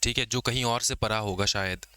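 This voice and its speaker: A young man teaching an exam-prep law class, often checking whether students follow and slowing down to dictate definitions. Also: on the low side, pushed and bright, clear, resonant tone, dry recording. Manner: explains casually, checks understanding with repeated questions; slows to dictate English definitions. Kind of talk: exam lecture.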